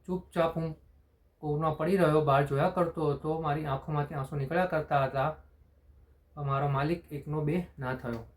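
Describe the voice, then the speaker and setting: A man narrating a spoken short story in the first person, in an unhurried, unpolished way with restarts and searching for words. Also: fairly high pitch, steady tone.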